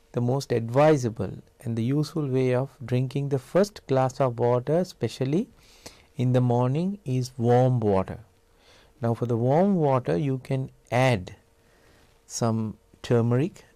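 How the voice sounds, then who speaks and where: Sri lankan guy explaining health stuff like a doctor, soft dark tone with some gravel, spells out each point. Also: medium pitch, no echo. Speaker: Ayurvedic doctor giving health advice. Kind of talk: explanatory health talk to camera.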